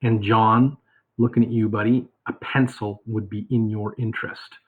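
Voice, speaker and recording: Husky male teacher on tinny audio. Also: on the low side, little pitch movement, moderate pace. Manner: casual, rambling, full of fillers and asides. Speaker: high school math teacher. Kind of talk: recorded online math lesson. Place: home.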